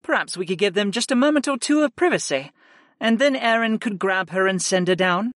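A man voicing a gentle, reasoned woman professor in an audiobook. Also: sits high, animated, a little fast, no room sound, clean studio sound, pitched above the performer's own voice. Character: calm, wise woman professor and wife.

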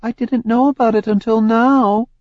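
A man's voice: extremely high pitch, steady tone, normal speed, no room sound, voice pushed up. A man voicing a proud, scheming goddess queen who needles her husband relentlessly, in an audiobook with a slightly dull, dry recording. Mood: taunting. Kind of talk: audiobook character voice.

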